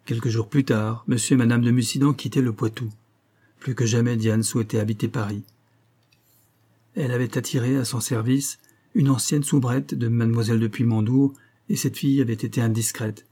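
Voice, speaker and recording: A man narrates a classic novel for an audiobook, telling the story in a measured, dramatic way. His voice is mellow and medium-pitched, with a steady tone.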